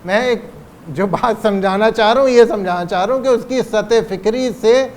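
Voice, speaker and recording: A man delivers a religious lecture. He poses rhetorical questions and slows down on the phrases he wants to stress. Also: high-pitched, a little mellow. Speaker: cleric giving a religious lecture. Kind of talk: Urdu religious lecture on parenting.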